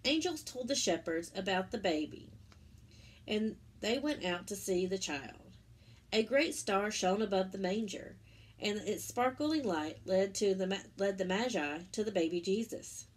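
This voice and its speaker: Reading a religious picture book to children, a woman takes on the role of a story-time teacher and pauses to explain things simply for her young audience. She speaks in a mid-range, expressive voice with a breathy edge.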